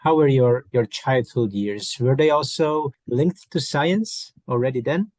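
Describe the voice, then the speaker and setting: A man's voice: mid-range voice, a little slow, darkish tone, no echo. A man from Hungary hosts a podcast, asking questions in a mid-range voice. He often repeats a word as he starts a sentence, and his recording is dry and close. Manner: repeats words as he asks questions. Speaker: podcast host. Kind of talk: podcast interview.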